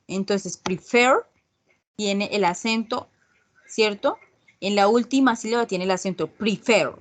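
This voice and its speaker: A woman teaching an online English grammar class in Spanish, patiently checking in with her students after each point. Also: mid-range voice. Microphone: video call.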